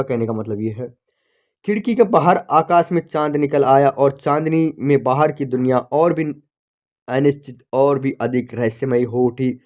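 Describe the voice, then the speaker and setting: A man teaching literature by reading a short story aloud slowly, pausing to correct and explain himself. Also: medium pitch, a little mellow. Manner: slow, deliberate reading with self-corrections.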